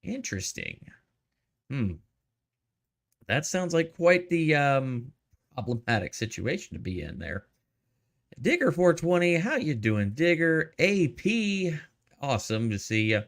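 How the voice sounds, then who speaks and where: A man's voice: fairly high pitch, big pitch swings, a little slow, creaky, pauses often. A man hosting a live show, casually chatting and greeting viewers in the chat by name. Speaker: livestream host.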